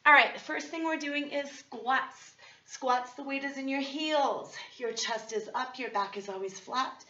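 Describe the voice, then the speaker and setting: A woman fitness instructor with a hoarse, partly lost voice at a middling pitch, talking listeners through a workout in a chatty, encouraging way. The sound is dull and lo-fi. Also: a bit bright, far from the mic. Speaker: fitness instructor and program host.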